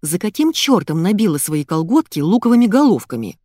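A woman's voice: fairly low pitch, very animated, a little fast, mellow, no echo, clean studio sound. Brief: exhausted faint-voiced young woman read by a woman. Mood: weary. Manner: faint, dying tone.

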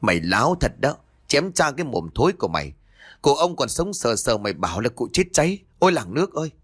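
Man putting on a shrill, bossy old lady. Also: very animated, quick pace, breathy edge, dry recording, clean studio sound. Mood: furious. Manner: scolding, cursing servants. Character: shrill, domineering old woman, lady of the house.

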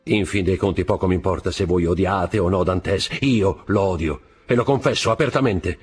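A man's voice: low-pitched, moderate pace, breathy edge, soft background music. A man reading aloud voices a desperate, jealous young man in love, vehement and pleading.

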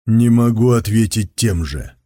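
A man's voice: lowish voice, animated, measured pace, warm tone. A man voicing a stubborn young ghost swordsman in his own plain voice, terse and defiant.

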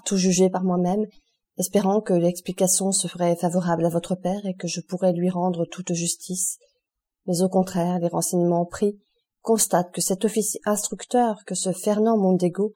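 A solemn, earnest young man who is a devoted friend, speaking in measured, low tones in a classic audiobook, as a woman reader puts him on. The voice is very dark and mellow. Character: grave loyal young male friend, journalist.

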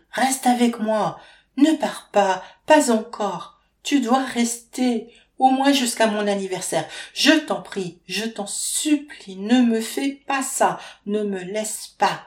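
Une jeune mère affolée, jouée par une lectrice, qui supplie d'une voix nettement plus aiguë et plus forte que la narration. Ses répliques jaillissent, pressantes et haletantes. On l'entend dans une pièce à l'écho marqué, comme dans un livre audio. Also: female voice, mid-range voice, slow pace, voice pushed up, natural voice. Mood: pleading. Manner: urgent, pleading, breathless outbursts. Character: young mother panicking over her sick baby. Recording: roomy echo.

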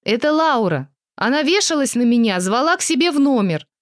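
Woman reader as a defensive, wheedling boyfriend, fairly high, dry sound. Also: big pitch swings, brisk, dry recording. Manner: stern, then wheedling and defensive. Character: stern, smooth-talking cheating boyfriend.

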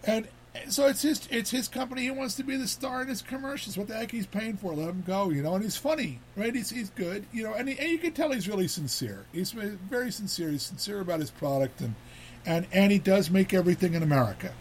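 A man's voice: high voice, lively intonation, fast, a little hiss or hum. A man hosting a casual talk show, rambling and repeating words as he talks. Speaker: host.

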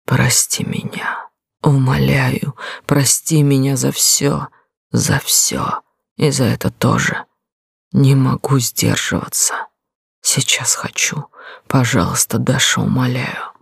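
Reader voicing a hoarse, tormented young man. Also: mid-range voice, steady tone, takes it slowly, dry recording, whispered, clean studio sound, full character voice. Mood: pleading. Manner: pleading, broken, intense. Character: tormented guilt-ridden young man, lover. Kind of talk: audiobook reading.

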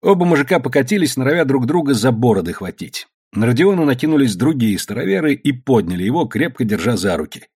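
Husky male storyteller. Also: mid-range voice, very animated, fast talker, few pauses, a little mellow. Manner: dramatic storytelling. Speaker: narrator. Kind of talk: audiobook narration.

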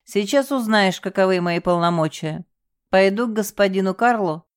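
A woman's voice: mid-range voice, normal speed, pitched above the performer's own voice, natural voice. A woman voicing a stern, cold female castle manager who scolds and threatens a subordinate in an audiobook. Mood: scolding.

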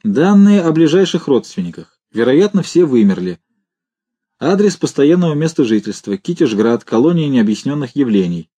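A man voicing a timid, gentle male commandant who reads forms and speaks softly of his creature. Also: medium pitch, big pitch swings, moderate pace, slightly rough. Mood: reading out. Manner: timid, mild, tender.

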